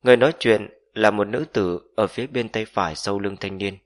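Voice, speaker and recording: Man, audiobook narrator, low voice, steady measured reading, fantasy novel.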